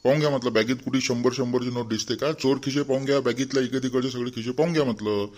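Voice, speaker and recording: A man's voice: mid-range voice, fairly even intonation, rapid-fire, a little mellow, natural voice. A man voicing a fussy, self-righteous village man in a cartoon, with a Vidarbha Marathi accent, rambling and grumbling to himself. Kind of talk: cartoon voice acting.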